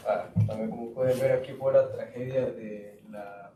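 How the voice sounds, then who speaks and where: Man from Guatemala presenting, halting. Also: medium pitch, fairly even intonation. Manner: halting, with frequent fillers. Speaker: student presenter. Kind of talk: presenting to a school board. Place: school board meeting room. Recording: echoey room, far mic, noisy.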